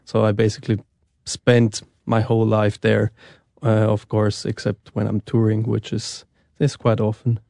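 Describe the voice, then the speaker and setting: A man's voice: lowish voice, monotone, normal speed, vocal fry, warm tone, no echo, clean studio sound. A man from Switzerland, a percussionist answering interview questions in a hesitant way.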